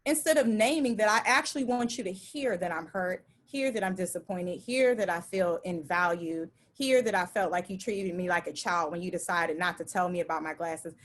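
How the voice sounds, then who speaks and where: A middle-aged woman preaching a sermon in a conversational, emphatic and animated way. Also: fairly low pitch, moderate pace, few pauses.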